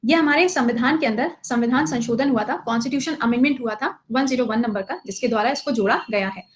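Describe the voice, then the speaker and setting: Female teacher, high voice, live online class, quizzes students and answers herself, playful scolding. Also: fast.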